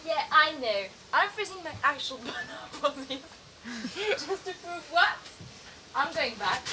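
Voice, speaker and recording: A sarcastic, doubtful girl voiced by a woman speaks in a high voice that swoops up and down. Her lines come out skeptical and cutting. Background noise is clear on the outdoor stage. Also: animated, unhurried.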